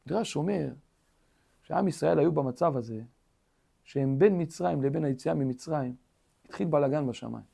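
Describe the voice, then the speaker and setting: A man's voice: fairly high pitch, gravelly, long pauses, dark tone, slightly rough. A man who is a rabbi giving a weekly Torah lesson in a study hall. He asks rhetorical questions, acts out quoted speech and talks straight to his listeners. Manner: addresses listeners directly.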